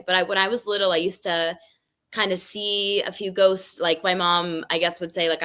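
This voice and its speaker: Bright-voiced animated woman singer guest. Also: fairly low pitch. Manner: animated storyteller, laughs often. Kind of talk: casual interview.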